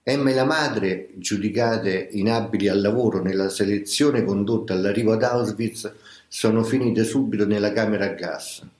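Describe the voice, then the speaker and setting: A man reading a memoir aloud as scripted audiobook narration, in a slow, grave, measured way. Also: fairly low pitch, a little mellow. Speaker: reader of a memoir. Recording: roomy echo.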